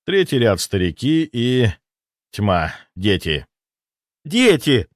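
A man reading a first-person fantasy audiobook, with deadpan, wry asides, close to a studio mic. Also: mid-range voice, normal speed, no room sound. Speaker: audiobook narrator.

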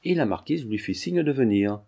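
A man narrating a classic novel as an audiobook in a steady, measured reading. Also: mid-range voice, creaky, slightly rough. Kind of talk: scripted narration.

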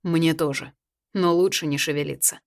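A woman's voice: low voice, fairly even intonation, moderate pace. A woman reading a wry, tender male major. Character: teasing tender male army major, ill.

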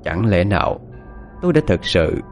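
A man narrating a first-person ghost story in a hushed, suspenseful, expressive way. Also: low-pitched, moderate pace, soft background music.

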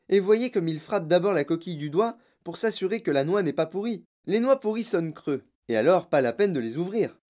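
A woman voicing an eccentric, lively male chocolate maker who explains things with animated enthusiasm. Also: on the low side, pitched above the performer's own voice, close to an everyday voice.

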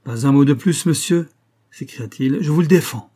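A man's voice: medium pitch, fairly even intonation, unhurried, husky. A man voicing a furious, insulted young male secretary in an audiobook, his voice raised in anger. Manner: shouting in rage.

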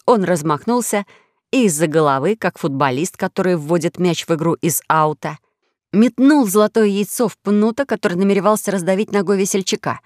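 A woman reads a children's story aloud in an expressive storytelling manner. Her voice sits slightly low. The recording is dry and close. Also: fairly quick, dry recording. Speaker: narrator. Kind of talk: audiobook story reading.

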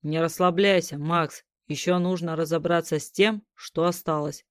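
A woman's voice: deep voice, fairly even intonation, normal speed, dry recording, lightly acted. A woman voicing Captain Smith, a stern, curt male commander, in an audiobook.

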